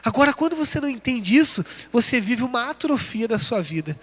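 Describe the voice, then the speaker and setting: A high-pitched man with a Brazilian Portuguese accent preaches a sermon, his voice climbing with emphasis as he sets up each contrast. He reads scripture references between his points. His voice rings out with the long reverb of a large church hall. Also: very animated, a little fast. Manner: rising emphatic call-and-response preaching, reading scripture references. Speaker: pastor.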